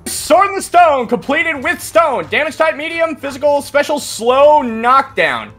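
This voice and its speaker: A man's voice: very high-pitched, very animated, unhurried, bright, forceful tone, faint music behind. A man playing a game with friends, reading game text aloud and cracking jokes. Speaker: gamer. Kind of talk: casual let's-play chat.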